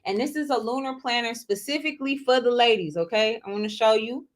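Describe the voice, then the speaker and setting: Fairly high-pitched and fairly quick, a twenty-something woman talks casually to viewers on her own show. She's chatty, often repeating herself, calling the audience y'all, and asking "okay?"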